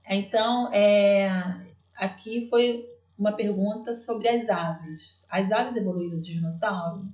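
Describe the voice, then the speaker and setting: A woman's voice: medium pitch, reverberant, dull audio. A woman teacher with a Brazilian Portuguese accent, explaining her classroom literacy work in a chatty way, full of fillers and restarts. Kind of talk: explaining classroom practice to viewers.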